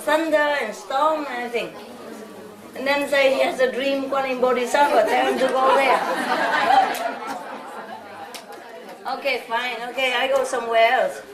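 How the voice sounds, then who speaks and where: A woman's voice: sits high, steady tone, measured pace, pauses often, a crowd in the background. A woman from Vietnam, a spiritual teacher, giving an informal lecture and telling stories in a chatty way with many "you know?" asides. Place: large hall with an audience. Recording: echoey hall from a distance with audience.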